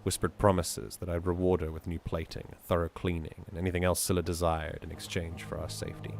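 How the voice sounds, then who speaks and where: A man hosting a reading stream, reading a community story aloud in a measured way with joking asides. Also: deep voice.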